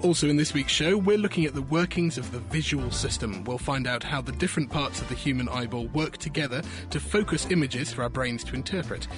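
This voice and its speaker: A man hosting a science show with a scripted introduction, in a bright, curious manner. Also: medium pitch, expressive, fairly quick, few pauses, over music.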